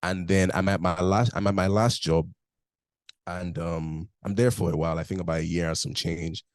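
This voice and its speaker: Low-pitched and fairly even in intonation, a young Nigerian man speaks at a normal speed as a guest in a casual interview. He tells his story candidly with a Nigerian, British and Canadian blend of accent and leans on "like" a lot. The sound is dry and studio quality.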